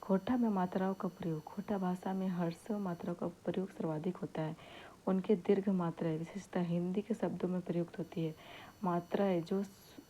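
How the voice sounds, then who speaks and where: A woman teaching an exam-prep grammar lesson, saying each example word slowly and then repeating it. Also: fairly low pitch, fairly even intonation, dark tone, a little hiss or hum, low-quality recording.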